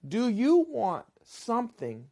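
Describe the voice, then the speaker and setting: A woman giving measured, persuasive relationship advice in a documentary interview. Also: on the high side, wildly swooping pitch, warm tone, soft background music. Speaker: relationship speaker.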